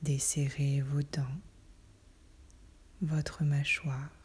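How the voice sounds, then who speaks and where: A woman whispering a guided relaxation in a soft, breathy, soothing voice, with slow delivery and long pauses. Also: deep voice, little pitch movement.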